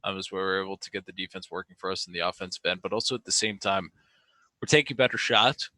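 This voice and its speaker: A man with a lowish, bright voice gives relaxed color commentary for a fan livestream. He sounds sleepy and fills his analysis with ums. His voice is dry and close to the mic. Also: racing, dry recording, rough recording. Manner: laid-back, sleepy, filler-heavy analysis.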